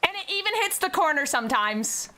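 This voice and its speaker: A woman's voice: high-pitched, a little fast. A young woman streaming, chatting casually and directly with her viewers. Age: young adult. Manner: chatty, talks to chat directly, bursts into excited squeals. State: tearful with joy. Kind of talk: casual livestream chat.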